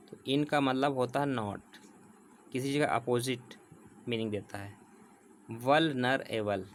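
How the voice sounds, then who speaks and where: Male tutor, mid-pitched voice, patient and repetitive delivery, faint hiss in the background. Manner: explains slowly with repetition, reads English definitions word by word. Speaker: teacher. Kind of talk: exam prep vocabulary lesson.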